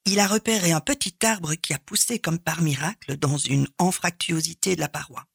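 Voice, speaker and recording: A woman storyteller telling a folk tale expressively, with dramatic pauses and repeated refrains. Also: low-pitched, gravelly, husky, dry recording, studio quality.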